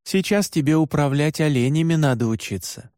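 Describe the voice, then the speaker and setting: A man reading an audiobook, voicing an older reindeer herder who gives steady, practical instructions. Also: a little high, brisk, no room sound, clean studio sound, close to an everyday voice. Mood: calm instructing. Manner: steady instructing, calls out loudly from afar. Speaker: reindeer herder teaching the boy.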